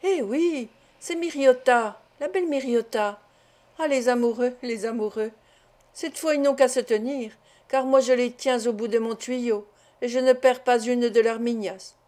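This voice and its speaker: A woman's voice: on the high side, a little slow, darkish tone, close to an everyday voice. A woman voicing a superstitious village shepherd in an audiobook, speaking with exclamatory wonder. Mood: amazed. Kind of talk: audiobook character reading.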